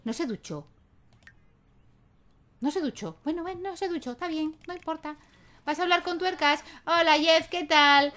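Young woman, gaming YouTuber, chatty commentary, fairly high voice. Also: a bit bright. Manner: chatty, talks to her game characters. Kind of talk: casual gameplay commentary.

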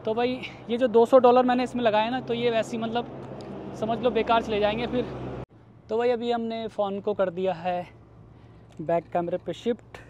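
A man in his thirties from India vlogs on city streets at night, phone at arm's length, chatting casually and calling viewers "guys" and "brother." His voice is extremely high and steady, a little mellow, at a moderate pace. The audio is dull with slight background noise.

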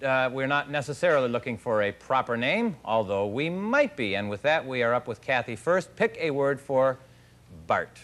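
Lively male game show host. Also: medium pitch. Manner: lively, playful, quick banter. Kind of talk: upbeat game show hosting. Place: TV studio with live audience.

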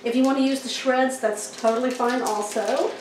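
In an echoey home kitchen with faint background noise, a middle-aged cooking host demonstrates a recipe, chatty and folksy and checking in with her viewers. Her voice sits high, with a steady tone and moderate pace.

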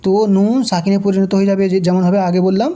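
A Quran reading teacher talks through a recitation lesson in a mellow, soft-edged voice at a mid pitch. Letters and vowel marks are spelled out slowly and each rule is repeated patiently. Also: little pitch movement.

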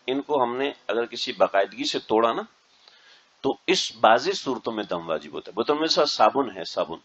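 A man's voice: mid-range voice, breathy edge. A man, a mufti, giving an instructional religious talk to a group of pilgrims and often checking that they understand. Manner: keeps checking the audience understands. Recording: dull lo-fi recording.

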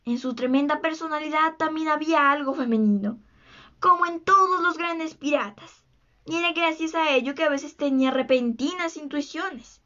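A woman reading a children's book aloud as a storyteller, slow and expressive. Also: high-pitched, dull audio.

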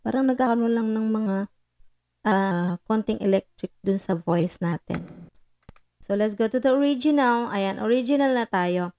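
A woman's voice: a little high, normal speed, dark tone. A woman vlogger chatting casually while demoing a portable sound card into her microphone, mixing English in with many fillers. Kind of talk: casual tech demo chat.

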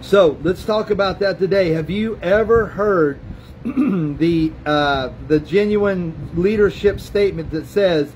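High-voiced male pastor preaching. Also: takes it slowly, darkish tone, a little hiss or hum, rough recording. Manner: folksy preaching, frequent "amen" call-outs, some restarts. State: has the hiccups. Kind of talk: sermon.

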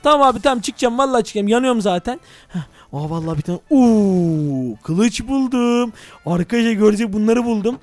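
A young man narrating a Minecraft let's-play to his viewers, excitable and full of exclamations. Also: sits high, fairly quick. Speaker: gaming YouTuber.

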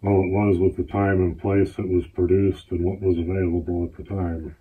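A man talking through a gas mask, explaining in a plain, matter-of-fact way, his voice husky. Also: sits low, little pitch movement, normal speed, mellow. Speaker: gas mask collector reviewing gear. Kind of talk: casual product overview. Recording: tinny, phone-like lo-fi sound.

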